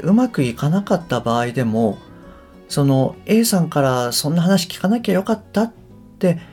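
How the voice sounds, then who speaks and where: On his solo podcast, a middle-aged English coach and host talks casually and reflectively. His voice sits fairly high and sounds a little mellow, and he tends to put his ideas forward tentatively.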